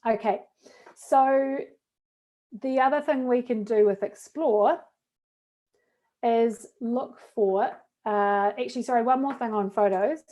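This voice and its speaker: A woman's voice: a little high, slow, warm tone. A woman with a New Zealand accent, a teacher trainer chatting casually and upbeat through a live webinar demo of classroom tools.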